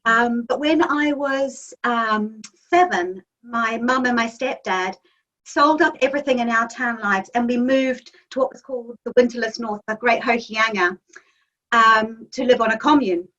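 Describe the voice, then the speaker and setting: Measured in pace, her voice is on the high side and a little bright. She's a New Zealand magazine editor giving enthusiastic interview answers peppered with ums, speaking from her home office through distant, dull, lo-fi call audio.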